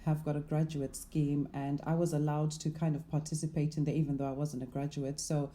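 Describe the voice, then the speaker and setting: A middle-aged woman from Zimbabwe speaks as a guest in a casual interview. Her voice is low and very mellow and dark, and she talks thoughtfully, often saying "um" and "you know". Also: little pitch movement, brisk. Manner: thoughtful, laughs lightly, many "um" and "you know". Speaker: guest, investment manager.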